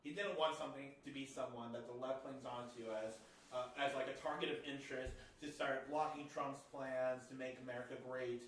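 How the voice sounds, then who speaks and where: A man's voice: medium pitch, steady tone, fairly quick, fairly bright tone, a little hiss or hum. A man hosting a casual podcast chat, blunt, opinionated and profane. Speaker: podcast host. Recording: echoey room, mic at a distance.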